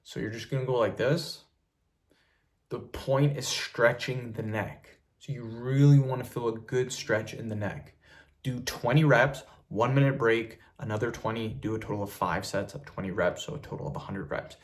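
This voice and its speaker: A man with a deep, firm voice speaking casually and emphatically to viewers as he teaches, like an online video host. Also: moderate pace. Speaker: YouTube host giving voice tutorials. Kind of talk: instructional talk to viewers, casual.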